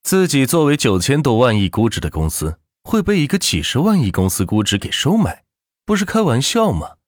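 A man reading a web novel aloud in animated audiobook narration, close to the mic. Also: medium pitch, a little fast, dry recording. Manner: animated storytelling with expressive rises and falls.

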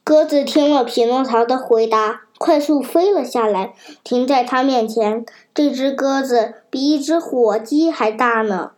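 Woman, storyteller, children's story reading, steady, fairly high voice. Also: measured pace, hardly any pauses.

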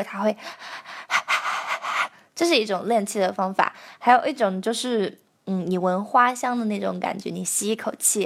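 A young woman teaching the pronunciation of a song line by line, explaining each sound and then singing short phrases slowly to show it. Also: mid-range voice.

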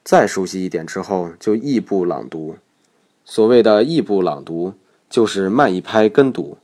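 A man giving a calm, methodical scripted lesson, explaining study steps one by one. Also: sits low, moderate pace. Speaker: English learning instructor.

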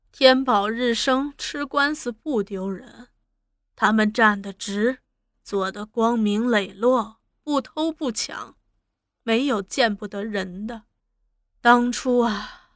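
A woman voicing a poor old mother in her sixties, speaking slowly and softly with weary resolve in an audiobook. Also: fairly high pitch, dry recording, clean studio sound. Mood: resigned. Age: 60s. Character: poor old widowed mother, steadfast and proud. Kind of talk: audiobook character voice.

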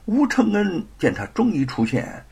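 A man narrating a story in an expressive, dramatic storytelling style with a gravelly, husky voice. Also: high voice, normal speed.

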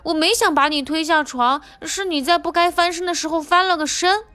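A woman voicing an excitable, hot-tempered little boy frog in a children's storybook reading, calling out loud and whiny. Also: very high voice, fairly quick, dry recording, faint music behind, pitched above the performer's own voice. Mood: indignant. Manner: loud, whiny, indignant shouting.

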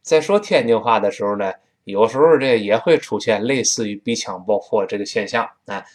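A man from Tianjin with a Tianjin accent, teaching spoken English in a chatty style and drawing out words slowly to demonstrate them. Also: lowish voice. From Tianjin, China. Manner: drawn-out slow demonstrations of words; lively and chatty.

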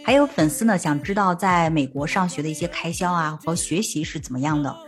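With faint music behind her, a young Chinese woman in a low voice hosts a bilingual language podcast at a slightly fast clip. Friendly and given to mm-hmms, she switches between Chinese and English with a Chinese accent.

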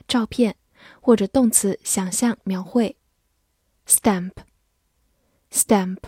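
A woman teacher reading out an English word list, saying each word twice and giving its meanings in an even recitation. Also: medium pitch, slightly rough, dry recording. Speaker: vocabulary teacher.

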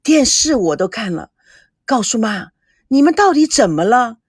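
A woman voicing an excited, worried middle-aged mother who asks rushed questions in a radio story. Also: fairly high pitch, breathy edge, no echo, clean studio sound. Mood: anxious.

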